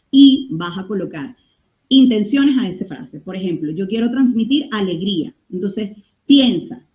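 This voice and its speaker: A woman lecturing on communication, her voice reaching us through a thin, phone-like line. She sits at a middling pitch and moves her tone and tempo around freely to demonstrate. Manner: expressive, shifts tone and pace to demonstrate. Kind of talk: online lecture answering questions. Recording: tinny phone-like audio.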